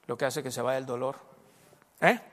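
A man preaching a sermon in a storytelling way, dropping to hushed asides and rising to emphatic exhortation. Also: medium pitch, moderate pace, long reverb tail. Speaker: pastor.

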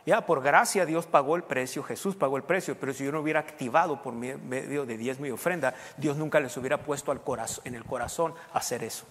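A man's voice: mid-range voice, fairly quick, hardly any pauses, big-room sound. A man preaching a sermon, telling a story and acting out its dialogue. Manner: animated storyteller, acts out dialogue.

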